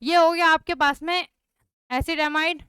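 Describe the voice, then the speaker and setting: Young female chemistry teacher, crisp bright tone, dry close sound, keeps asking if it's clear. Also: high voice, fairly even intonation, a little slow, no echo. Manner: repeats checks like "clear?" and "okay" to students. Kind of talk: online class lecture.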